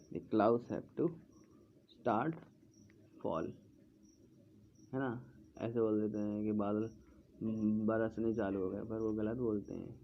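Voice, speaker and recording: Male tutor, gravelly and monotone, slow drilling delivery, muffled home recording with faint background. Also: lowish voice, a little hiss or hum. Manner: slow, repeating words while writing on a board. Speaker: English teacher. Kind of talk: explaining English grammar in Hindi. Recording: dull lo-fi sound, faint background.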